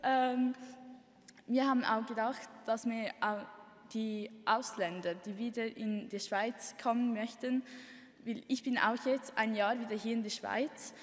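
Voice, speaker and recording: A woman's voice: fairly high pitch, steady tone, a little slow. Hesitant teenage girl from Italy. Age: teens. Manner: hesitant, apologetic, many fillers. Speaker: youth camp participant. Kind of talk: unscripted speech on stage. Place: conference hall. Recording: hall reverb.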